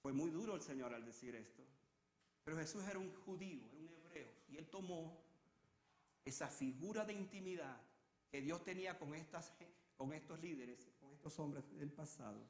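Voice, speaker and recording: A male preacher delivers a sermon with high, ringing tones, surging into loud climaxes and then sinking into hushed repetitions. His voice echoes around the church sanctuary. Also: moderate pace.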